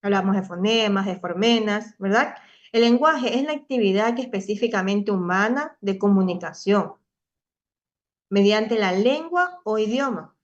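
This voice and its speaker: A woman's voice: medium pitch, expressive, moderate pace. A middle-aged woman teaching a class, explaining step by step and often checking in with her students. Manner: explanatory, often tags ¿verdad?. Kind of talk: online class lecture. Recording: slightly dull lo-fi audio.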